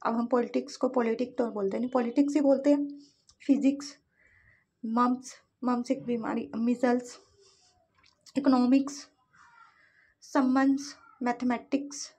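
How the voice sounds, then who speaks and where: A woman teaching English grammar in Hindi, explaining slowly and often asking and answering her own questions. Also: a little high, mellow, slightly rough. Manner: reads English examples slowly.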